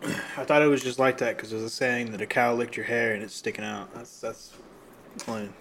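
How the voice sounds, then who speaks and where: A young man in casual chat, telling a long story with lots of fillers and restarts, and a slightly rough voice that he often clears. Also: mid-range voice, fairly even intonation, normal speed, a bit bright, slight background noise. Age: young adult. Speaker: podcast co-host.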